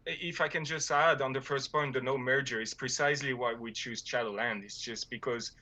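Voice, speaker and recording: Speaking with a French accent, this man from France discusses his gaming guild in a relaxed interview, full of fillers, hesitations and restarts. His mid-range voice is steady and fairly quick, sounding pushed and bright with no echo.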